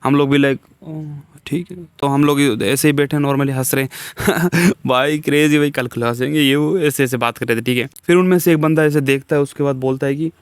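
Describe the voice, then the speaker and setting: A man's voice: mid-range voice, fairly even intonation, fairly quick, clear, resonant tone, no echo. A young man casually recounting a personal story in a storytime vlog, rambling with lots of fillers. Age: young adult. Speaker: vlogger.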